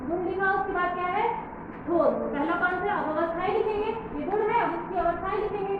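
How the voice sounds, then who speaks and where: A very echoey, noisy classroom recording of a woman teacher, caught from a distance. She drills pupils with short questions, repeating herself loudly and deliberately as if to someone hard of hearing. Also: extremely high pitch, narrow, tinny audio. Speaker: school science teacher. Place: indoor school classroom with pupils.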